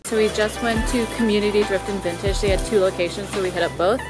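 A young woman vlogs through her day, chatting brightly into a camera held at arm's length. Her delivery is bubbly and full of quick asides, and a loud music track runs underneath her voice. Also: medium pitch, steady tone. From Canada. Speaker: vlogger. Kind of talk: casual vlog chat. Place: car, thrift stores and shops. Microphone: handheld camera at arm's length.

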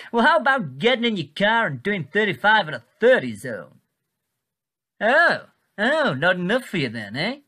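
A woman's voice: a little high, a bit bright, heavily acted. A woman voicing a sinister disembodied 1940s English newsreader voice that goads the listener with clipped, mock-cheerful cruelty. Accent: clipped 1940s English newsreader accent. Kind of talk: comedy sketch acting.

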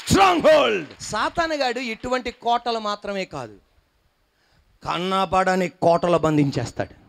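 A little slow, with a high, fairly bright voice, a pastor preaches emphatically to a congregation gathered in a church hall. He keeps firing questions, coaxing people to respond, to repeat his words and to smile.

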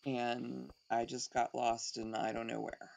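A woman's voice: extremely low pitch, level tone, unhurried, gravelly, a little mellow. A middle-aged woman giving casual let's play commentary, thinking aloud as she plays.

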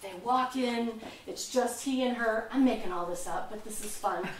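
A woman's voice: a little high, normal speed, slight background noise. Chatty woman docent in an echoey room. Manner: chatty, laughs at herself, loses words. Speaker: museum docent. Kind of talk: informal history talk. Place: museum lecture room. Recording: echoey room, mic far off.

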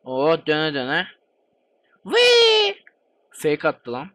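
A man with a high, lively voice commentates a game he's playing. He is excitable and chatty, swears constantly and swings his voice up and down as he reacts. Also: normal speed, no echo. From Turkey. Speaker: gaming channel host. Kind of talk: let's play commentary.

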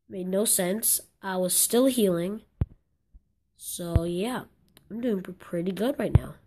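A woman's voice: medium pitch, background noise. A young woman giving casual commentary over a mobile game, exclaiming in frustration and rambling with many restarts. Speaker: gaming channel host.

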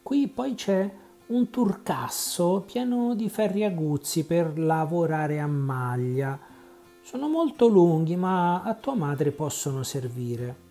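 A man's voice: on the high side, very animated, slow pace, warm tone, soft background music, pitched above the performer's own voice, heavily acted. A man doing a jokey, friendly gift-giver. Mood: playful.

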